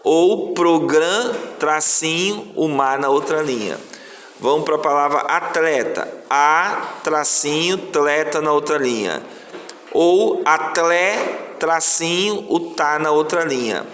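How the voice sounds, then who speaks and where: A man's voice: on the high side, a little slow, a bit bright. A male teacher with a Brazilian Portuguese accent, patiently explaining a lesson and drawing out syllables. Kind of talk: slow classroom explanation. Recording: echoey room, faint noise.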